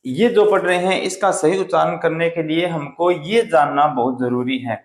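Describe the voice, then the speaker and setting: A man teaching a Hindi grammar lesson, slowly and deliberately sounding out the vowels for his students. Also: on the high side. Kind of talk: slow blackboard-style grammar lesson. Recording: echoey room.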